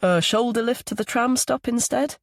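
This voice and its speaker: A woman's voice: fairly high pitch, normal speed, no echo, pitched above the performer's own voice, lightly acted. Woman reading a charming, persuasive man. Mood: friendly. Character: charming, attentive grown man on a date.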